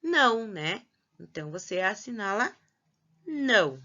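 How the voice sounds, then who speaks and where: A woman teacher, giving a recorded grammar lesson to pupils, slow and patient, often checking in with her class. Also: mid-range voice, very animated, bright, forceful tone. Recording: dull lo-fi recording.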